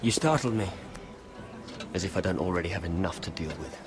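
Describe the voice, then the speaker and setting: A man's voice: low-pitched, brisk, close to an everyday voice. An actor playing a shy, self-effacing nobleman in a video game, hesitant, polite and apologetic. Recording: music behind the voice.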